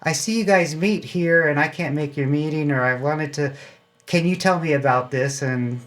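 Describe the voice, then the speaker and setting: In an interview, an American amateur radio club member with a slightly high, fairly bright voice talks at normal speed. He casually explains his topic in a plain-spoken manner, drawing on personal anecdotes.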